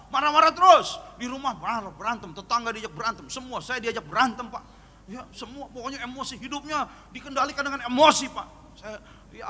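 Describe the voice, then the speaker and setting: A man, a pastor, preaching an animated sermon and telling joking stories full of acted-out dialogue. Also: sits high. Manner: animated, joking, acts out dialogue in his story. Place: church hall. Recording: long hall reverb, faint noise.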